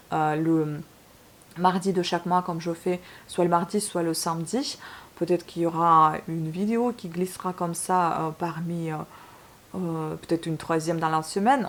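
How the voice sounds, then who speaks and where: Speaking French with a Ukrainian accent, a woman from Ukraine runs a book channel and talks straight to the camera in a casual vlog monologue. Her voice sits on the low side, and she comes across as blunt and mildly exasperated, with lots of fillers and restarts.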